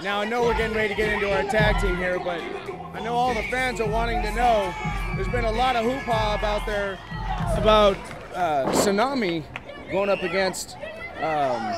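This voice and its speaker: A man with a high voice serves as wrestling co-commentator in a conversational style. Loud music and heavy crowd noise surround him. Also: normal speed. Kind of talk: conversational commentary, posing questions.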